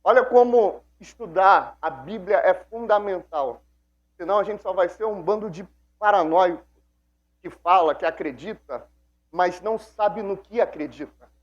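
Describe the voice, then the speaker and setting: Animated pastor teaching Bible class. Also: male voice, sits high, a little slow, lo-fi sound. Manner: animated, acts out quoted speech, asks the class questions. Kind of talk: sermon-like Bible lesson.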